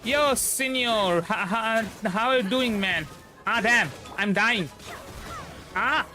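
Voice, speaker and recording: This young Indian man, a native Bengali speaker with a Bengali accent, livestreams as a VTuber with game music behind him. His high, bright voice is slow and forceful as he gives casual gameplay commentary that is hesitant, rambling, and repetitive.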